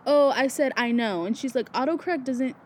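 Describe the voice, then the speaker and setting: A woman's voice: sits high, fairly quick, a little mellow, slight background noise. A young woman co-hosting a casual podcast, chatty and giggly, with lots of "like" in her storytelling. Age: young adult. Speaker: podcast co-host. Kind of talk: casual chat.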